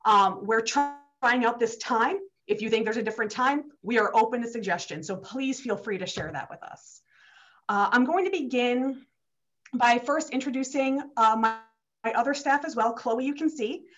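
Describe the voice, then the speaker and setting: Dull, lo-fi video call audio carries the casual opening remarks of a young woman, a state legislator hosting a virtual town hall from her district office. Her voice is fairly high and her pace moderate, and she sounds slightly out of breath, chatty, and full of fillers and restarts.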